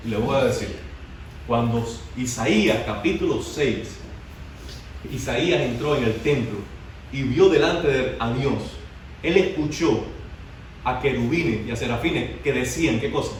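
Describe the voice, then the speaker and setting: A man preaching a sermon to a youth group, asking the congregation questions and swinging between hushed and emphatic delivery. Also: medium pitch, measured pace, slight background noise. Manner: call-and-response questions to the congregation. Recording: very echoey hall, mic far off.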